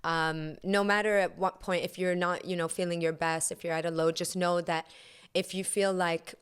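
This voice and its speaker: A woman guest on a casual interview podcast, relaxed and upbeat, with easy laughs and filler words. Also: on the low side, moderate pace, smooth. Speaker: guest, entrepreneur and yoga instructor.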